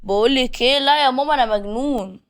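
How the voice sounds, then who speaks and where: A woman voicing a bossy, teasing young man with an Egyptian accent in a storybook reading, talking loudly. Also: high-pitched, rapid-fire, natural voice. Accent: Egyptian Arabic. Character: pushy, teasing young man, playful and stubborn.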